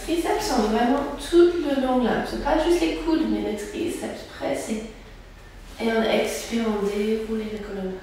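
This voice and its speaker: A woman's voice: on the high side, distant mic, a little hiss or hum. Woman cueing Pilates in an echoey studio. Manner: calm step-by-step cueing of breath and movement. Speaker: Pilates instructor. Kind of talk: guided exercise class. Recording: very echoey room, voice from afar.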